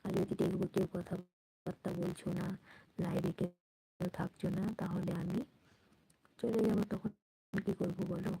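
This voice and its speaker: Soft-spoken woman, husky, very flat voice. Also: lowish voice, normal speed, pauses often, no echo, poor audio. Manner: speaks softly and quietly so a sleeping baby stays asleep; pleading, repetitive coaxing of viewers to comment. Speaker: live-stream host. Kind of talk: casual live-stream chat with viewers. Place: home at night.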